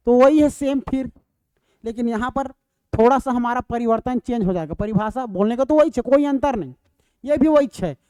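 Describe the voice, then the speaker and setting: Smooth-voiced male teacher. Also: very high voice, darkish tone, dry recording. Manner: repetitive, checks in with students. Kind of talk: classroom grammar lesson.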